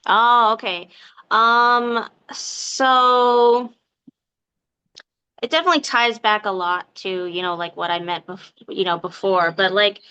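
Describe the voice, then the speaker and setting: A woman with a very clear, bright voice that has the sweetness of a cartoon princess. She talks in a chatty, expressive way, as a guest in a relaxed interview. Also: medium pitch, dull audio. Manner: chatty, expressive, quick to laugh. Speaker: podcast guest, mermaid performer. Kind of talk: casual interview chat.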